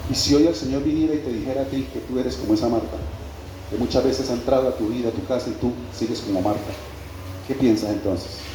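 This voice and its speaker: A man's voice: medium pitch, fast talker. A male pastor preaching a sermon in a church hall, repeating his phrases and putting pointed questions to the congregation. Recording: very echoey church hall, faint background noise.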